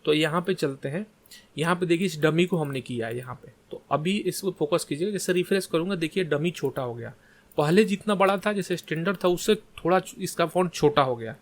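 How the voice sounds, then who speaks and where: A man's voice: a little high, a little fast. A man teaching a screen-share coding lesson in Hindi mixed with English tech terms, often checking in with "ठीक है". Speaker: coding tutor.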